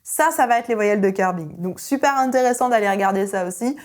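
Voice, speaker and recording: A young adult woman teaching an online singing lesson as a vocal coach, energetic and emphatic. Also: mid-range voice, fast. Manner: energetic and emphatic, with sung vowel demonstrations.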